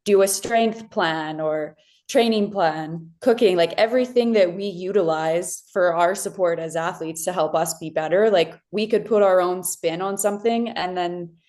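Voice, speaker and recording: A young adult woman speaks in a workshop discussion, thinking aloud in a tentative way. Her voice sits a little low for a woman, and she fills her sentences with frequent fillers. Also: moderate pace, darkish tone. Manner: thoughtful, tentative, many fillers. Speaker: athlete workshop participant.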